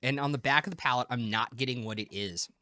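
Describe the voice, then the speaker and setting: A man's voice: mid-range voice, fast, sharp tone, no echo, clean studio sound. A man in his thirties hosting a casual whiskey tasting, chatty and enthusiastic as he describes the flavors. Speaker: whiskey review host.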